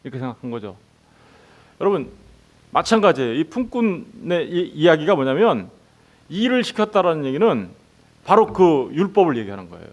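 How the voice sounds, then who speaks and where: A man's voice: a little high, sing-song, moderate pace, pauses often. A male pastor preaching a sermon who keeps asking his congregation rhetorical questions. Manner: acts out the workers' lines in quoted voices.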